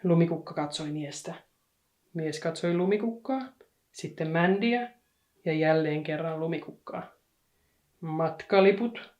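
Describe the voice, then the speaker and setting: Woman calmly reading a children's story. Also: low voice. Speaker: audiobook reader.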